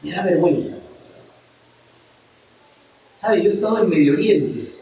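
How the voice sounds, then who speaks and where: A man's voice: high voice, animated, measured pace, dark tone. Male preacher, impassioned sermon, rhetorical questions, mic set back from him, faint background noise. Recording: very echoey church hall, mic at a distance.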